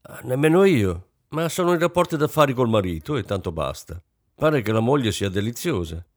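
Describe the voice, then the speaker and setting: A man reading an audiobook, voicing a blunt, self-satisfied middle-aged businessman who talks gruffly and offhandedly. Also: mid-range voice, sing-song, a little fast, dry recording, studio quality, close to an everyday voice. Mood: offhand. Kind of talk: audiobook character voice.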